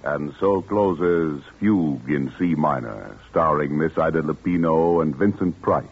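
A man announcing a 1940s radio suspense show in a dramatic, measured way. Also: a bass voice, expressive. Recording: dull 1940s radio broadcast with faint music.

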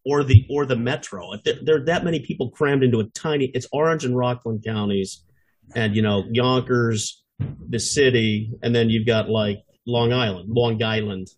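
Upstate New York man, husky mid-range voice, wry, rambling conversational delivery. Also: mid-range voice, normal speed. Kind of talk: casual political chat.

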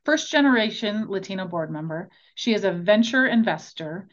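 Woman, podcast host, upbeat and enthusiastic, mid-pitched, dull lo-fi sound. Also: lively intonation, moderate pace. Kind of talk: podcast interview.

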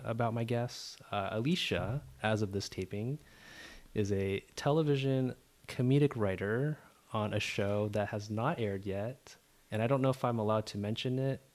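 A young man hosting a podcast, talking casually in a soft, hesitant way with many fillers. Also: fairly low pitch, moderate pace. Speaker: podcast host.

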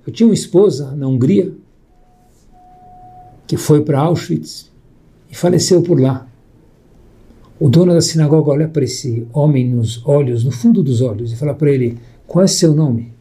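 A man telling a moral story as a sermon, lively and acting out the people in it. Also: on the high side, normal speed, vocal fry, long pauses. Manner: lively storyteller, voicing characters in quotes.

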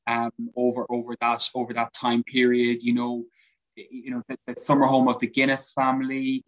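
A hotel sales executive from County Mayo, Ireland, speaks as an interview guest with a west of Ireland accent, conversational and often repeating words as he goes. His mid-range voice is completely flat at a moderate pace, and the audio is dull.

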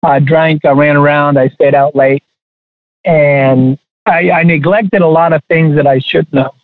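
A man's voice: a little high, steady tone, no room sound, narrow, tinny audio. A man, a guest chef, talking casually in an interview and restarting his sentences often. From Texas. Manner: halting, many restarts.

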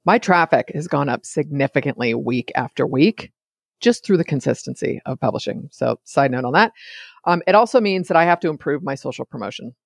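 A woman talks through her solo podcast in a loose, chatty way, drifting off on side notes and pulling herself back. Her voice carries a gravelly fry at the edges, and the recording is dry with no room sound. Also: deep voice, dry recording. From California. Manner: chatty and digressive, often sidetracking herself. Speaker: podcast host. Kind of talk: casual solo podcast monologue.

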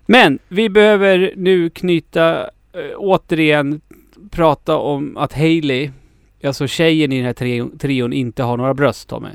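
A man co-hosting a podcast, chatting casually and excitably about a film, with frequent stumbling restarts. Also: on the high side, vocal fry, smooth, dry recording, studio quality. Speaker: podcast co-host.

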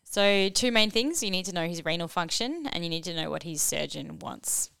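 A woman with a very clear, resonant voice, slightly low and often creaky at the edges. She explains in an informal, conversational teaching style, as a host would. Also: lively intonation, moderate pace, a bit bright, no echo. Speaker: podcast host and medical teacher. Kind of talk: casual educational discussion.

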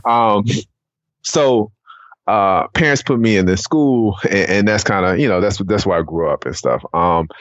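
This podcast guest, who founded an education non-profit and comes from the Atlanta area of Georgia in the United States, speaks a little slowly in a low-leaning male voice. His personal stories wander informally and are sprinkled with conversational tags, and the audio sounds muffled and roomy.

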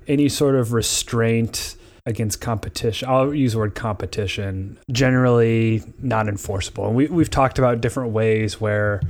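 A man's voice: medium pitch, normal speed. A man recording from aboard an airplane, co-hosting a podcast with loose, rambling, conversational explanations. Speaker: podcast co-host. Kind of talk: casual explanatory podcast talk.

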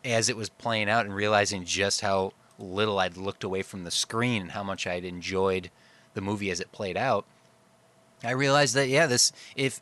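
A male podcast co-host with a fairly low voice talks casually about films. He rambles a little as he thinks through his opinions aloud. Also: sharp tone. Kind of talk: casual film discussion.

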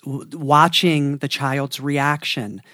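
An interviewer in casual conversation, responsive and warm, with short reactions. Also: mid-range voice, fairly even intonation, slow, dry recording, studio quality.

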